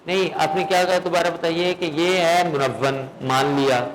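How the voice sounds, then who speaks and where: This male recitation teacher keeps quizzing his pupils, checks in with "okay?" a lot, and works through each sound slowly. He speaks on the high side in a steady tone, captured on a rough recording with a bit of hiss or hum.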